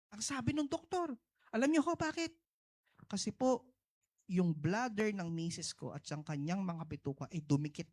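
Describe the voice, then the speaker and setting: A Filipino-accented male pastor gives a personal testimony from the pulpit. He talks in short bursts that swing from quiet to loud, moving between two languages and asking the congregation "no?" and "di ba?". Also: high-pitched. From Philippines. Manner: switches between Tagalog and English, asks the congregation "no?" and "di ba?". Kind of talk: sermon testimony.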